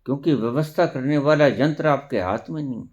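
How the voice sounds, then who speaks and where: A man's voice: mid-range voice, brisk, darkish tone, highs cut off. A man giving a spiritual discourse, preaching emphatically with rhetorical questions and dropping in English phrases. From India. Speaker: spiritual teacher.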